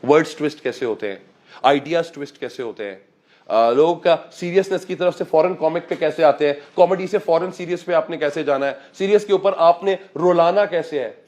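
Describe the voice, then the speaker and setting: Animated man coaching public speaking. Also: a little high, a little fast. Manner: animated, mixes Urdu and English, addresses listeners as sir. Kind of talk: motivational talk to a class.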